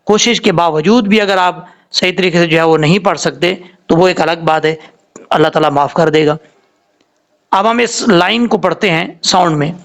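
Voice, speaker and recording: A man with a Pakistani Urdu accent teaching Quran recitation, patiently explaining letter sounds and repeating words slowly. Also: fairly high pitch, a bit bright. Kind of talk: tajweed lesson with spelled-out recitation.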